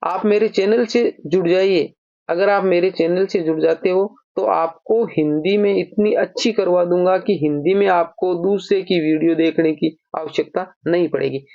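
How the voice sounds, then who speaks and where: A man's voice: high voice, moderate pace, vocal fry, warm tone. Patient male teacher, dull lo-fi audio. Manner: patient, explanatory, calls listeners brother; dictates example sentences word by word. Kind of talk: exam-prep grammar lesson. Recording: dull lo-fi recording.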